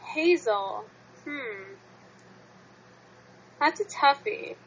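Bright, sharp-voiced woman in casual chat. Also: high-pitched, expressive, extremely slow, dull audio. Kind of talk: casual fan discussion.

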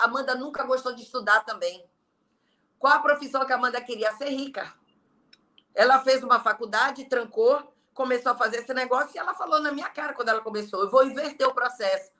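A middle-aged Brazilian woman speaks in a high, bright voice with a Brazilian Portuguese accent. She is an interview guest who lectures bluntly and with emphasis, preaching self-reliance. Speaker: guest, entrepreneur and online leader. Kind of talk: motivational interview talk.

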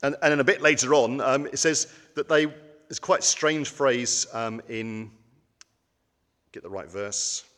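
A man preaching a conversational sermon, often pausing on ums and asking the listeners rhetorical questions. His voice sits in a middle pitch, and the recording carries a long reverberant tail, as in a hall. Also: a bit bright.

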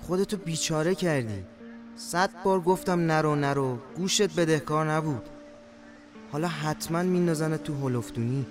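A man's voice: fairly high pitch, natural voice. Anxious, scolding man over music acted. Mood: reproachful. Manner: worried, reproachful questioning. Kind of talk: dramatic audio drama acting.

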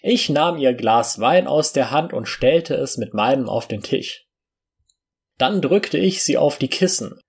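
A man narrating a first-person story as an audiobook, reading in an unhurried way with small slips and restarts. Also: mid-range voice, lively intonation, husky.

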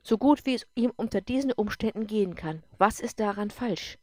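A woman voicing a caring but firm mother in an audiobook, speaking calmly and steadily. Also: mid-range voice, normal speed, no echo, natural voice. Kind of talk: audiobook character voice.

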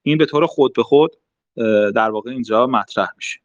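A man's voice: mid-range voice, no echo, muffled recording. Young man, math explainer, casual chat, hesitant fillers, dry recording. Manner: explains step by step with frequent fillers. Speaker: math talk host.

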